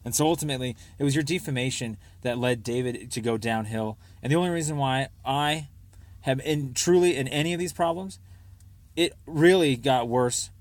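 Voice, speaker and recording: A young American man with a medium-pitched, darkish voice leaves a rambling personal voicemail. He sounds insistent and aggrieved, repeating himself.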